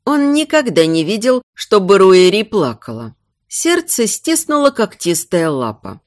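A woman narrating a scripted audiobook in an expressive, measured reading. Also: medium pitch, no room sound, clean studio sound.

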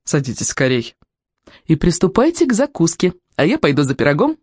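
Reader doing a brisk, welcoming middle-aged hostess, dry storybook read. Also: mid-range voice, wildly swooping pitch, slightly rough, no echo. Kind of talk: audiobook reading.

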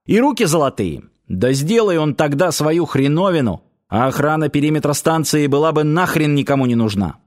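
Man reading as a gruff old one-legged warden, grumbling, suspicious, storybook voice. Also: a little high, very animated, normal speed. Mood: grudging.

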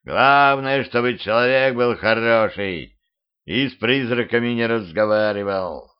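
A man voicing an old village cart driver who groans and grumbles in a drawn-out way, in a self-made audiobook. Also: medium pitch, clear, resonant tone, close to an everyday voice. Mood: grumbling. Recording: dull lo-fi home recording.

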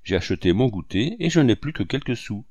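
A man's voice: medium pitch, big pitch swings, brisk, a little mellow, dry recording. A man voicing a poor young wife who speaks frankly and exclaims. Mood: exclaiming.

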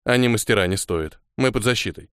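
A man voicing a calm, knowing young male hero in an audiobook, matter-of-fact. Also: on the low side, brisk, smooth, dry recording, studio quality, natural voice. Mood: grim.

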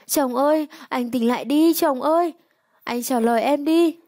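A woman voicing a plump wife wailing at her husband's hospital bed, with high sobbing pleas. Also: normal speed, dark tone, natural voice. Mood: distraught.

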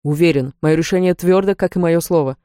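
A woman's voice: lowish voice, fairly quick, dark tone, no echo, clean studio sound, close to an everyday voice. A woman voicing a stern, commanding male demon lord who speaks in firm, clipped words, read as an audiobook character. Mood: curt.

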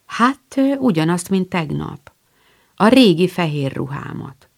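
A woman's voice: lowish voice, lively intonation, vocal fry, a little mellow. Shy but playful teen girl, voiced lightly by a woman narrator; keep it composed. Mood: explaining. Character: proper teenage girl, shy yet teasing.

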